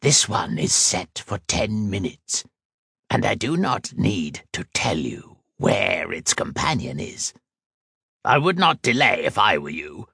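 A man voicing a sly, menacing hooded creature that speaks in a slow, quiet, rasping whisper. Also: deep voice, sing-song, no echo, studio quality, exaggerated voice.

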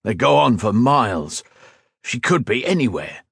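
A man voicing a proud, hot-tempered male companion who talks in a sharp, clipped, raised way. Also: mid-range voice, big pitch swings, moderate pace, vocal fry, husky, no room sound, studio quality, pitched above the performer's own voice, heavily acted. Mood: grim.

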